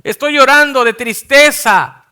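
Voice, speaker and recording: A man's voice: extremely high pitch, unhurried, pushed and bright, pitched above the performer's own voice, heavily acted. A man voicing a grieving male rabbi who mourns his ruined city, speaking with sorrowful earnestness.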